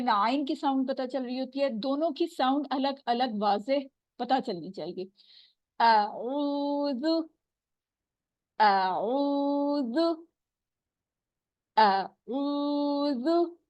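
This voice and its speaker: A woman teaching Quran recitation, patiently explaining and slowly repeating sounds to demonstrate them. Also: high voice, dry recording, lo-fi sound. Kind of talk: tajweed lesson.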